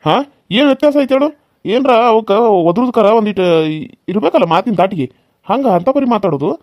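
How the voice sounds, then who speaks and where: A man's voice: sits high, lively intonation, brisk, darkish tone, no echo, studio quality. A man voicing a stern cartoon father-in-law. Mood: scolding. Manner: scolding, lecturing. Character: stern middle-aged father-in-law, head of family. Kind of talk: cartoon serial voice acting.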